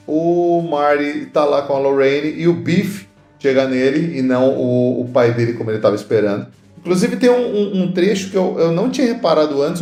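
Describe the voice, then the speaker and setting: This is casual film chat from a male podcast co-host who tells movie trivia and adds playful side comments. His mid-range voice is a little mellow, and the recording sounds reverberant.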